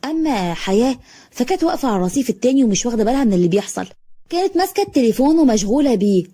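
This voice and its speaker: Egyptian woman storyteller, quick, warm, slightly high. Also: very animated. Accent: Egyptian Arabic. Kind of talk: scripted story narration.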